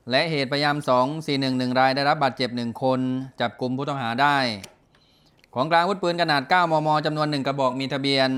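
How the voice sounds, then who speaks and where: A man's voice: mid-range voice, a bit bright, clear, resonant tone. A man working as a police radio dispatcher, reading back formal reports in a procedural, itemized way.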